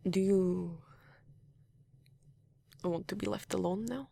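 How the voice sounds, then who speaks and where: A man voicing a reserved, formal and caring partner in a comfort roleplay, speaking softly with hesitant restarts and few contractions, at times in a whisper. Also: high-pitched, takes it slowly, gravelly, slightly rough, heavily acted. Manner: soft-spoken, at times whispering. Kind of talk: comfort roleplay addressed to the listener.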